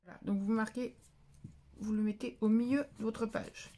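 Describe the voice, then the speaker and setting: A woman's voice: fairly high pitch, fairly even intonation, moderate pace, warm tone. A woman giving a casual step-by-step craft tutorial, chatty and often correcting herself mid-sentence. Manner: chatty, self-correcting, stumbles over words; scolds and coos at her cat between steps. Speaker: papercraft tutorial maker.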